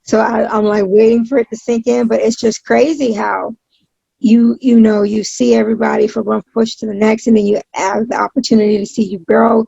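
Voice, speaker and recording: A woman with a heavily creaky, fairly high voice gives an interview in a casual, emphatic way. She repeats phrases to drive points home. The tone is husky and the audio is dull and lo-fi. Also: little pitch movement, a little fast, mellow, no echo. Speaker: interview guest, pro wrestling announcer.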